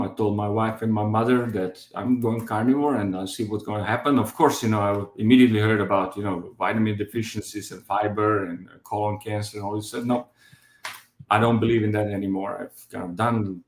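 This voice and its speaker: This man from Croatia, in his fifties, gives a casual testimonial about his diet, hesitating often with fillers and restarts. His voice is on the low side and reverberates.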